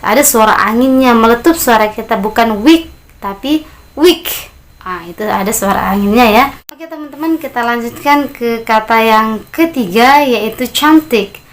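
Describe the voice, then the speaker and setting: Slow, careful woman teaching English. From Indonesia. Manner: slow, drawn-out model words with lifted pitch on examples; addresses learners as friends, steady explaining pace. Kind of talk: beginner language lesson.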